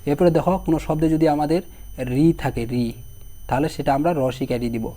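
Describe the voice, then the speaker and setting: A hoarse young man with a dark, mellow tone, fairly high for a man. He runs an online exam-prep lesson, sounding out each word slowly and asking his students questions as he spells it. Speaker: teacher.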